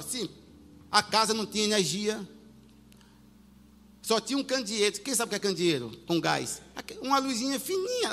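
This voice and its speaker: A man preaching a sermon, telling a story with animated delivery, acting out voices and sometimes shouting. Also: high voice. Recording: long hall reverb with faint music.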